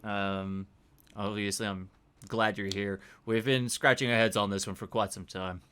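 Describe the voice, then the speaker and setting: A man playing a weary, rattled middle-aged police detective who talks loudly with lots of halting fillers. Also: fairly low pitch, steady tone, clear, resonant tone, pitched below the performer's own voice.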